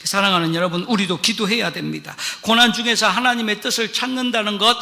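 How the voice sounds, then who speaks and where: A man's voice: high-pitched, quick pace, creaky, bright, forceful tone. A male pastor, preaching earnestly and telling personal stories between scripture readings in a church sanctuary. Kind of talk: sermon. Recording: long reverb in a church hall.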